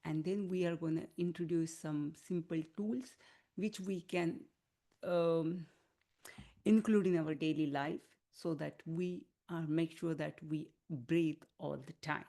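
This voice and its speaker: A woman leading an online wellness class as a healing teacher, giving soothing, unhurried instruction. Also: deep voice, steady tone, dark tone. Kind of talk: online wellness class talk with guided relaxation.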